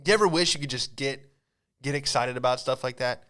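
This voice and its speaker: This late-twenties American podcast host moves briskly through his comic storytelling, keeping it casual, full of slang, and rambling. His voice sits in the mid-range with a fairly bright tone.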